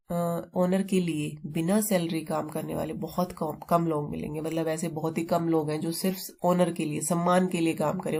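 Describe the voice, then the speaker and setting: Woman teacher, lowish mellow voice, going over words slowly. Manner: explains slowly with memory tricks, repeats terms. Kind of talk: vocabulary lesson.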